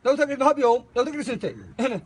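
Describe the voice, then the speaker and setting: Fast, insistent high-pitched Saudi man. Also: huge pitch swings, slightly rough. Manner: insistent, repetitive, interrupting. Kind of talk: heated face-to-face argument.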